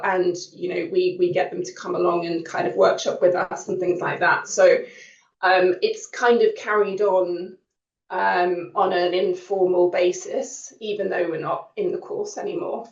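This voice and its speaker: A creative writing student on a virtual open day panel speaks informally in a fairly low voice, reflecting on and explaining her experience as a testimonial. She sits back from the microphone in a roomy indoor space, and the video call audio is slightly dull.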